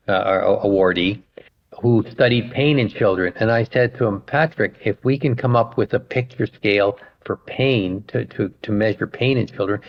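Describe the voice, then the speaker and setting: A man's voice: on the low side, lo-fi sound. An older man, a retired doctor, answering interview questions in a patient, explanatory way and thinking aloud as he goes. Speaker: guest, retired pediatric pulmonologist.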